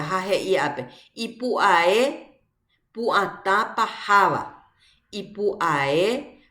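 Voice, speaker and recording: Slow-speaking Paraguayan woman teacher. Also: fairly low pitch, fairly bright tone, roomy sound. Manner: slow, patient, drills words aloud syllable by syllable. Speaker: language teacher. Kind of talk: recorded class lesson.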